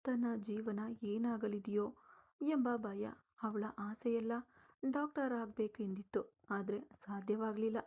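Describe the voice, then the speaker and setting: A woman reading a romantic family story aloud as narrator, in steady, unhurried storybook narration. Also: medium pitch.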